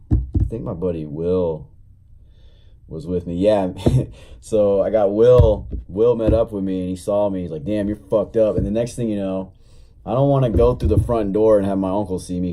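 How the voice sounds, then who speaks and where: Still coughing as he recovers from an illness, this young vlogger rambles through a casual story full of profanity. His voice is low-pitched and dark, and his delivery stays relaxed.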